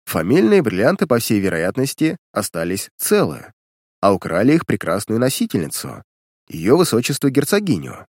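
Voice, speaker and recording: A man voicing a calm adult detective who speaks dryly and curtly in a storybook reading. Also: on the low side, moderate pace, no room sound. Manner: calm, dry and curt. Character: calm, dry-spoken adult male detective.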